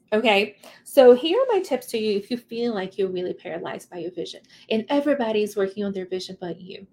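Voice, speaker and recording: A woman coach giving motivational vlog advice in an earnest, conversational way, repeating words for stress and checking in with the listener. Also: mid-range voice.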